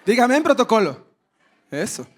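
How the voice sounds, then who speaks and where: A male pastor preaching a sermon, telling a funny story with lively acted shouts. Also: very high voice, normal speed. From Ecuador. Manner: storytelling with humor and animated shouts.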